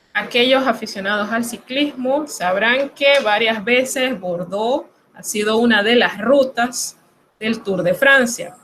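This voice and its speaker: A woman's voice: on the high side, fairly bright tone, slight background noise, low-quality recording. A woman teaching French pronunciation in Spanish, patient and reassuring as she explains each sound step by step. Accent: Latin American Spanish. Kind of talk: recorded lesson explaining pronunciation.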